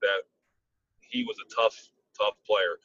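A man, a former football player and coach, telling stories in a casual interview, often pausing on "um" and checking in with "right?". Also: fairly low pitch, husky, far from the mic, dull audio. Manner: animated storyteller, frequent "um" and "right?".

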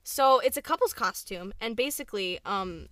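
A woman's voice: mid-range voice, lively intonation, normal speed, a bit bright, dry recording, studio quality. A young woman co-hosting a podcast in casual chat, playful and teasing, often breaking into laughter. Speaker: podcast co-host.

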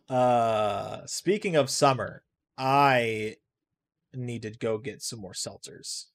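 A man's voice: medium pitch, extremely slow, pauses often. A man hosting a casual solo podcast in a rambling, offhand way, now and then swearing and reacting aloud to a video game he plays while he talks. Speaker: podcast host.

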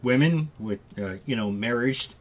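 A man's voice: mid-range voice, normal speed. A middle-aged man from the Midwest co-hosting a podcast in casual chat, stammering through restarts and laughing easily. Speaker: podcast co-host.

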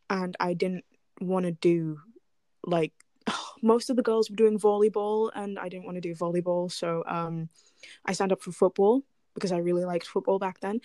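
A young woman recounts a story from her childhood in relaxed, casual chat, getting animated and laughing as she goes. The sound is dry and close, with no room behind her. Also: fairly low pitch, dry recording.

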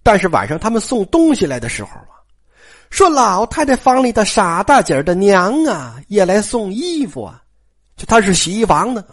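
A storyteller voicing a careful young female servant who speaks low and measured. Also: big pitch swings, husky.

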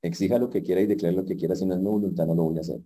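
A preacher voicing God, low and final. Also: male voice, steady tone, very fast, dark tone. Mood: sovereign. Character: God, sovereign unbending male voice.

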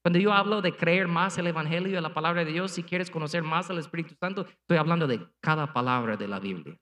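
A man's voice: on the high side, fast talker, a bit bright, long reverb tail. A man preaching a sermon as pastor, speaking emphatically with rhetorical questions and punchy sound effects before a congregation. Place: church sanctuary before a congregation, also streamed online.

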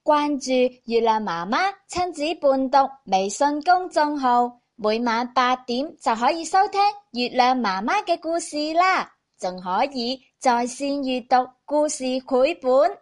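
A woman with a Cantonese accent reads a children's storybook in an expressive way, speaking to small children. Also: sits high, a little slow, few pauses. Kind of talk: scripted storybook narration for young children.

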